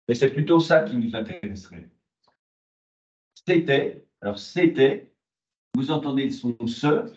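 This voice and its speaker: French-speaking man lecturing in echoey room. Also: mid-range voice. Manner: lively, rhetorical questions answered himself. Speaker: university lecturer. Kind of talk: classroom lecture. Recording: muffled, echoey classroom.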